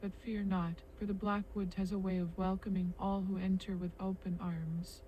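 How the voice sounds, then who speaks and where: A woman's voice: medium pitch, flat delivery, moderate pace, mellow, dull audio, a little hiss or hum, natural voice. A woman voicing a kindly forest spirit, an ancient guardian in a game, speaking in flowery, solemn phrases. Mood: mysterious, serene. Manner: flowery, solemn storybook speech. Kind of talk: scripted video game character dialogue.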